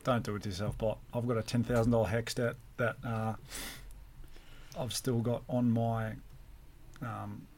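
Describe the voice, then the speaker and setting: A man's voice: mid-range voice, level tone, moderate pace, long pauses, darkish tone, a little hiss or hum. Host, young Australian man, casual cheeky banter, mid-range voice. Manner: cheeky, teasing, laid-back banter. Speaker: podcast host. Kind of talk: casual podcast chat.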